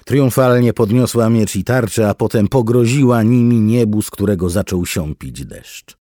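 A man giving expressive, scripted audiobook narration. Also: lowish voice, moderate pace, no echo, studio quality. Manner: expressive storytelling with wide swings.

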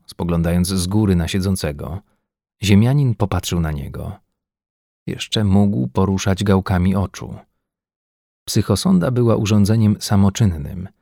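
A man reading a science-fiction audiobook aloud in measured, even scripted narration. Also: low voice, gravelly, dry recording, studio quality.

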